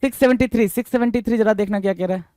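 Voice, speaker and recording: A male teacher with a high, slightly mellow voice runs an exam-prep vocabulary lesson in a dry recording. He reads English definitions slowly, explains them in quick Hindi, spells each word letter by letter, repeats the answers, and calls his students "bhai."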